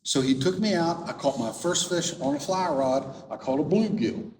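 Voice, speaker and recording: A middle-aged man with a slightly high voice tells stories to an audience and slips into the voices of the people he quotes. He sounds far from the microphone, and his voice rings through a large hall with a long echo. A faint low rumble sits underneath. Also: moderate pace. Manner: lively storyteller who acts out quoted dialogue. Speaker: author giving a talk. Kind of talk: storytelling presentation.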